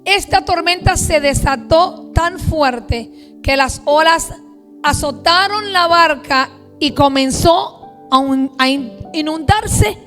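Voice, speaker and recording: A woman pastor delivers an emphatic sermon in a very high voice. She speaks slowly and deliberately, stretching out key words and piling up phrases in lists. Faint music plays underneath. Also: fairly bright tone. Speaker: pastor and prophet. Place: church.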